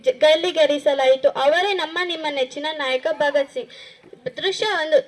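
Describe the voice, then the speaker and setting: A woman announcing and narrating a school stage play, opening with a rhythmic crier-style call to the audience. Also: sits high. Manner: rhythmic, chanting call to listen. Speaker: program announcer.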